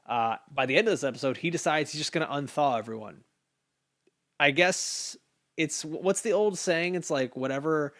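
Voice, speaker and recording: Male podcast co-host, loose conversational recap, animated asides. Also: medium pitch. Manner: laughs often, animated storytelling with acted quotes. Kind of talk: casual TV recap chat.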